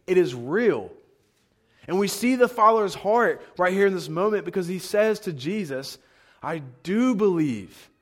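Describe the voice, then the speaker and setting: A man's voice: high-pitched, fairly bright tone. A young man giving a casual, conversational Bible teaching in an earnest, encouraging way.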